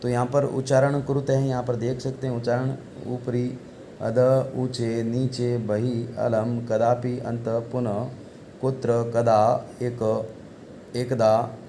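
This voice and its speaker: A man's voice: mid-range voice, little pitch movement, slow, warm tone, slight background noise. A male teacher giving an online class lesson, reading Sanskrit text aloud and explaining it in Hindi, asking the class questions and answering them himself.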